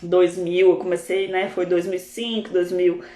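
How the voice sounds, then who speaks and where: A Brazilian woman, a coach, telling a story in a live session in a lively, expressive way. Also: lowish voice, normal speed. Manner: animated, expressive, laughs often. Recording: roomy echo.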